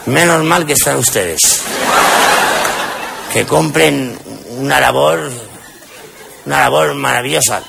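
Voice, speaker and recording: A man with a Spanish accent voicing a drunk man who flatters a police sergeant, slurring and overly polite, live on stage with audience noise. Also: mid-range voice, slow, creaky, pauses often, a loud crowd. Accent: Spain.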